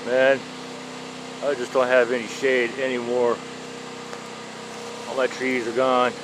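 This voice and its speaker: A man's voice: mid-range voice, monotone, slow pace. A man talking casually to the camera in a plain-spoken, musing way, recorded outdoors around a home. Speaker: vlogger. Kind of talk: casual vlog chat. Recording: clear ambient hum and outdoor noise.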